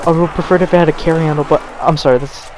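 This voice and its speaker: Young male gaming host, fairly high voice, rambling unscripted rant, stammers and restarts, a bit cold, faint background noise. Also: steady tone, very fast. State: cold, stuttering. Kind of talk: unscripted gameplay commentary rant.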